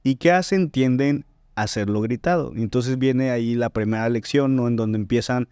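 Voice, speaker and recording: A man's voice: medium pitch, moderate pace, darkish tone, clean tone, no room sound. A man, a voice teacher and singer explaining technique in a podcast interview, often checking in with "¿no?" and "¿sí?". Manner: didactic, frequent "¿no?" and "¿sí?" check-ins.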